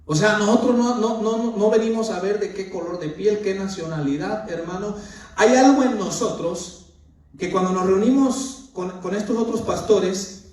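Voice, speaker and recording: A high-pitched man with a darkish tone preaches mid-sermon at a moderate pace, earnestly calling listeners "brother" and using lists and repetition for emphasis. The mic is far off in a very echoey, reverberant room.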